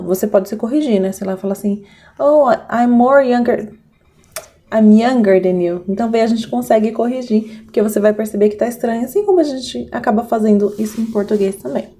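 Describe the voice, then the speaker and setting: A young woman teaches English grammar straight to her viewers. She slows down to spell out rules and model short example phrases, then picks the pace back up. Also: fairly high pitch, mellow.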